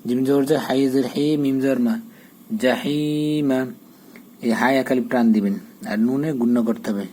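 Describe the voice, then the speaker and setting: A man teaching how to read a Quran chapter, spelling out the Arabic letter by letter and then intoning each verse slowly. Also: mid-range voice, fairly even intonation, warm tone, slight background noise, rough recording.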